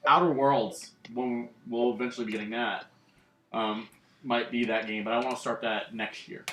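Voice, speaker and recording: In an echoey room with a little hiss or hum, a man co-hosts a gaming channel, rambling through casual video game talk full of "um" and "like." He speaks at a moderate pace in a mid-range, fairly bright, steady tone.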